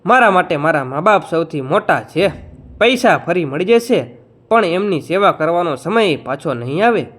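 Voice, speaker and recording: A poor young farmer's son speaks quietly but with firm resolve, played by a male narrator. His tone is humble and low-key, though the voice stays fairly high and animated. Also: moderate pace. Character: poor devoted young village man, humble and calm.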